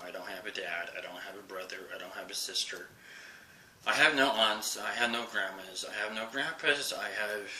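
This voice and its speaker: A man in his forties talks straight into his camera in a confessional vlog. His voice sits very low and has a strained, forceful edge. He speaks haltingly with many fillers, sometimes sinking to a near whisper, over a faint hiss. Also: low-quality recording. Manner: drops to a soft whisper at times. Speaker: vlogger. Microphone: camera he faces while recording.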